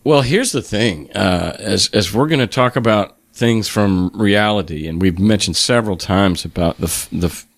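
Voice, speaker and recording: Middle-aged male host, low-pitched, dry mic, loose and rambling in conversation. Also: normal speed, creaky, hardly any pauses, no room sound. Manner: rambling, restarts sentences. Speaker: podcast host. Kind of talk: casual interview chat.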